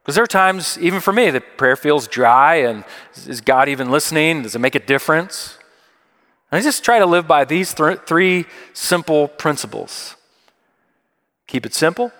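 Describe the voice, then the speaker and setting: Male preacher, slightly high voice, conversational and emphatic, big hall echo. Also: a bit bright. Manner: conversational, emphatic, repeats key phrases. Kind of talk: sermon. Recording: long hall reverb.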